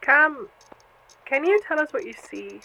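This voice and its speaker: An actress playing a friendly, patient hallway camera who guides and reassures the other machines in an audio drama. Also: female voice, sits high, expressive, unhurried, vocal fry, heavily acted. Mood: patient, probing. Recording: dull lo-fi sound, loud noise.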